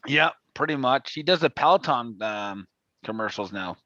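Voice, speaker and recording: A man co-hosting a podcast in casual chat, animated, laughing often and swearing casually. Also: mid-range voice, normal speed, dry recording, highs cut off. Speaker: podcast co-host. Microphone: video call.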